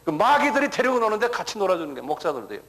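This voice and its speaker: High-voiced man preaching a lecture-sermon. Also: sing-song, rapid-fire, fairly bright tone, poor audio. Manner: keeps asking the audience "예?" and repeats words as he starts. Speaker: pastor. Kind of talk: sermon-style lecture to a congregation.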